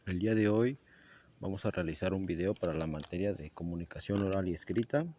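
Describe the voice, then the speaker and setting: Low dull-toned young man explaining. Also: a little fast, warm tone, a little hiss or hum. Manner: explanatory, with small slips and self-corrections. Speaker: student presenter. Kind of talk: school presentation narration. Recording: dull lo-fi recording.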